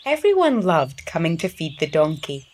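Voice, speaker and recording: The host of a story series, a woman with a deep voice, reads to young children in a deliberate, expressive storytelling manner.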